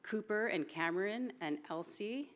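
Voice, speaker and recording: A woman's voice: mid-range voice, expressive, measured pace, slight background noise. A woman from Hawaii, moderating a conference panel in an informal way and mixing in words. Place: conference hall stage. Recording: long reverb of a large hall.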